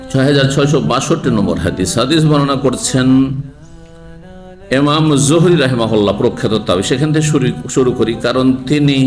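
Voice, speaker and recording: A man, an Islamic scholar giving a religious lecture who explains and asks the audience rhetorical questions. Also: mid-range voice.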